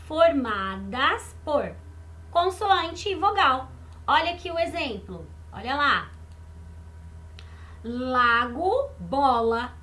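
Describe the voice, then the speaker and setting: Slow, high-voiced woman teacher. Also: fairly bright tone. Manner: patient, repeats words slowly and asks the class questions. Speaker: primary school teacher. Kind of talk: online lesson explaining exercises to children.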